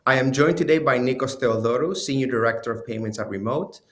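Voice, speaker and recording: Moderator, adult man, mid-pitched voice, easygoing questions, filler-heavy. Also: fast, a bit bright. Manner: friendly, loose questioning with "you know" fillers. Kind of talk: interview moderation.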